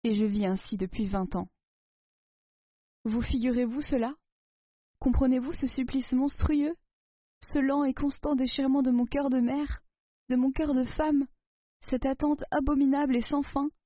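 A dying old mother full of anguish, her lament rising high and pleading, as a woman reader puts her on. The sound is dull and dry, with no room around it. It is storybook drama with heavy sorrow. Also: fairly even intonation, moderate pace, long pauses, dry recording. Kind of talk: audiobook dialogue reading.

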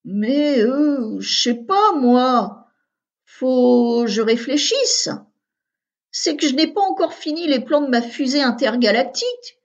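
Woman doing an excitable clever little boy. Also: sits high, slow pace, heavily acted. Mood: hesitant. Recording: dull lo-fi recording.

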